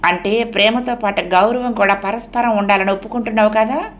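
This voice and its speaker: A troubled young wife from an audio novel, close to tears and yet defiant. She flares up in sharp, angry bursts when she is pressed, voiced by a woman reading the story. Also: mid-range voice, fairly even intonation, brisk, close to an everyday voice. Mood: bitter, intense. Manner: emotional, bursts out angrily.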